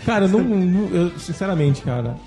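A man's voice: high-pitched, lively intonation, fast, music in the background. A Brazilian man with a Brazilian Portuguese accent in a casual group chat, plain-spoken and fond of quizzing the others. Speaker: podcast co-host.

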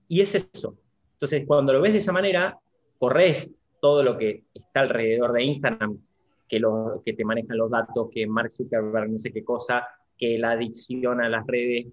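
A man, a business coach as podcast guest, talking casually and acting out his advice in quoted speech. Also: mid-range voice. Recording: dull lo-fi sound.

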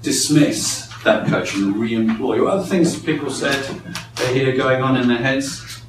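A man leading a live coaching training for a group, lively and engaging, often acting out voices. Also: mid-range voice, a little slow, music in the background. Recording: echoey room from a distance.

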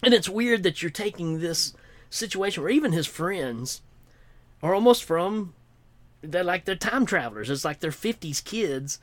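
Animated middle-aged man, lively pitch. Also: unhurried, no room sound. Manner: animated, laughing, shouts out quoted lines. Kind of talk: casual chat.

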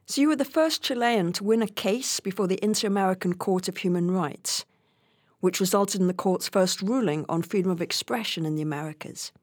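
A woman hosting a podcast interview, asking questions in a clear, measured way. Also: mid-range voice, no room sound, studio quality. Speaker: podcast host, program director.

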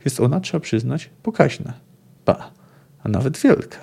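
Serious blunt dwarf, read by a man, dry, deadpan, mellow voice, book reading. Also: mid-range voice, moderate pace, creaky, slightly rough, full character voice. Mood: grave dry. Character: grave, blunt old male dwarf, worldly wise.

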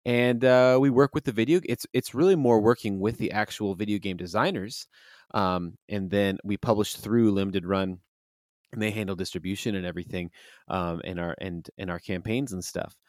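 A man's voice: lowish voice, normal speed, no room sound, studio quality. A man who designs and publishes games, answering interview questions in a rambling, enthusiastic way with many fillers and restarts.

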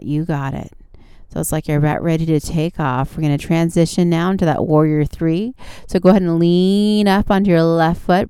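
Female yoga teacher, encouraging step-by-step instruction, exceptionally clear tone, close dry sound. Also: fairly low pitch, warm tone, no room sound. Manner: encouraging, short step-by-step cues. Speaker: yoga instructor and show host. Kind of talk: guided yoga class instruction.

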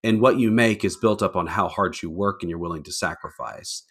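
A man's voice: low voice, fairly quick, breathy edge. A man co-hosting a podcast, talking earnestly and searchingly, often trailing off at the end of a phrase. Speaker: podcast co-host. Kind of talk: casual discussion.

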